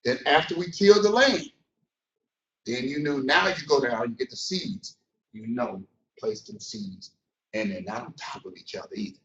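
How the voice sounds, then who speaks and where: A man's voice: mid-range voice, normal speed. A man giving a motivational business training talk, speaking colloquially and acting out scenes as he tells stories. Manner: colloquial storytelling, animated, acts out scenes. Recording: echoey room, distant, dull.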